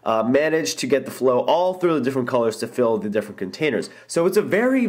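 A young man casually walking through a phone game as an app reviewer, enthusiastic and rambling, with many ums and restarts. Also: medium pitch. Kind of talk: casual gameplay walkthrough. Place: indoor room, filming a phone screen.

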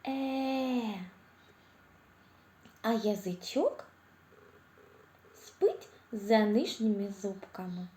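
Cheerful and encouraging, a Ukrainian-accented woman speech therapist leads preschoolers through a slow, clear lesson, pronouncing every sound with care and stretching her vowels. Her fairly high voice swings widely in pitch, she whispers to show quiet sounds, and the room echoes.

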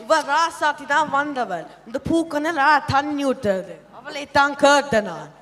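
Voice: sits high, lively intonation, a little slow, a bit bright. A young actor playing a fussy, nagging middle-aged mother in an amateur stage play, chiding in a Sri Lankan Tamil accent. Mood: fussing. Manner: chiding, fussing.

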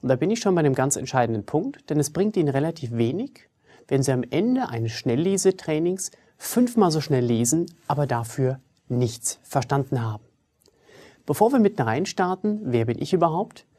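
German-raised guy in his 30s doing a studio training video, mellow voice, lively and a bit self-mocking. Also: on the high side, moderate pace. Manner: lively, wry, self-ironic. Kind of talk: scripted video lecture. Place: studio with a virtual library backdrop.

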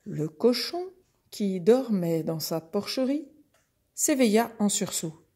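Slow-reading breathy woman storyteller. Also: mid-range voice, big pitch swings, mellow. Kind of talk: reading a children's story aloud.

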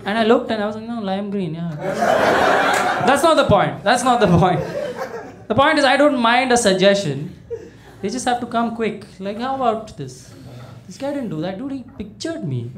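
A young man, talking into a handheld mic on a small comedy club stage. His delivery is conversational and very animated, and he slips into the voices of the people he quotes. Loud audience laughter sits in the background of this live club recording. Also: high voice, normal speed, very noisy. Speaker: stand-up comedian. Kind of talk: stand-up comedy set.

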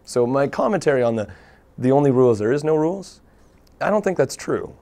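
A man, a local theatre artist, talking earnestly in a TV interview, telling things in an animated way with many restarts. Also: medium pitch, fairly quick. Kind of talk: casual interview talk. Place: TV studio.

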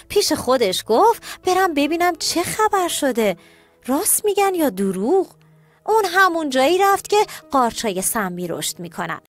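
A woman narrating children's stories in a scripted, animated way, talking directly to the kids. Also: high voice. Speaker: storyteller. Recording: soft music bed.

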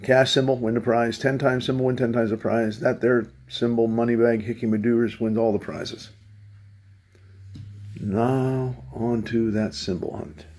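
A man's voice: medium pitch, flat delivery, measured pace, darkish tone. A man hosting his own lottery video, talking to himself in a wry, sarcastic running commentary as he scratches tickets. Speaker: channel host.

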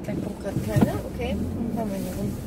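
Speaking fast in a mid-range voice with fairly even intonation, this woman chats loosely for an informal car vlog. She's in a small car, recorded by a dashboard camera at arm's length, and the car noise is loud.

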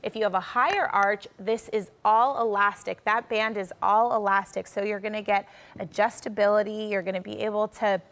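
A woman's voice: medium pitch, steady tone, moderate pace, fairly bright tone. An American woman in her thirties or forties giving a chatty product demonstration on a home shopping show in a studio.

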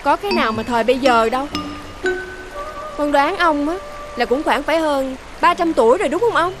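An actress playing a devoted young wife, with a Southern Vietnamese accent and a pleading, emotional manner. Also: female voice, high-pitched, expressive, brisk, music in the background. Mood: coaxing. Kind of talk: TV fairy-tale drama acting.

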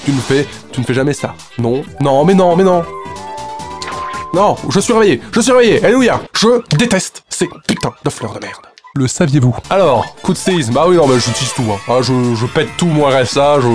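A man's voice: on the high side, animated, normal speed, soft background music. A man hosting a French let's play, joking, swearing and reading the game's lines aloud as he goes. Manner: profane, sarcastic, swings between mutters and outbursts. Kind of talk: casual gameplay commentary with voiced dialogue.

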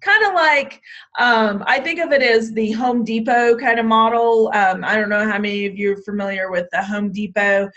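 A woman's voice: fairly high pitch, normal speed, fairly bright tone, muffled recording. A woman giving an online orientation to youth program staff. She talks conversationally with frequent ums and restarts, and her voice is getting tired. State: losing her voice. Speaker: state 4-H program leader.

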